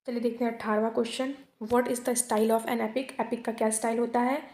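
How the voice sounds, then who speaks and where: A woman's voice: a little high, level tone, a little mellow. Echoey woman teaching exam questions. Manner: reads questions slowly in English, then explains fast in Hindi. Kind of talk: exam quiz lesson.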